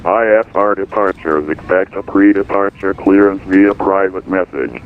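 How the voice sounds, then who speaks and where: A man's voice heard as a recorded airport weather broadcast over the radio, reciting codes and numbers in a formal, even way. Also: sits low, normal speed. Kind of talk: recorded automated information broadcast. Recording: tinny radio-band audio.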